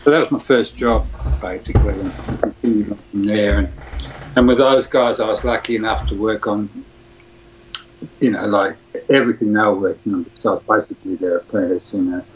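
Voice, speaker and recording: A man's voice: on the low side, brisk, a little hiss or hum. An older Australian man, a music producer, reminiscing in a rambling phone interview with many restarts. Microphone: phone line. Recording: dull lo-fi phone audio.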